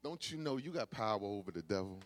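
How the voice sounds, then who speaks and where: A male pastor a sermon, dropping to quiet asides and then rising into shouted exhortation. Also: big pitch swings, fast talker. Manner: swings from low murmurs to shouted exhortation.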